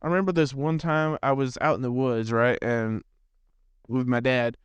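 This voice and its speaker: A man's voice: mid-range voice, steady tone, moderate pace, clear, resonant tone. A teenage boy hosting a gaming channel, telling a rambling, self-deprecating story in casual chat with lots of restarts. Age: teens.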